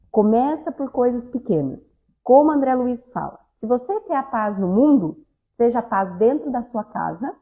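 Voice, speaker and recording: A woman's voice: fairly high pitch, mellow, poor audio. A woman giving a spiritist talk, speaking conversationally and often addressing the audience directly. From southern Brazil. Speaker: lecturer at a spiritist center.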